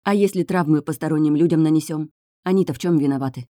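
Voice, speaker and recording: A woman narrating a first-person novel as an audiobook, in a tense, hushed inner voice. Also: sits low, quick pace, no echo, clean studio sound.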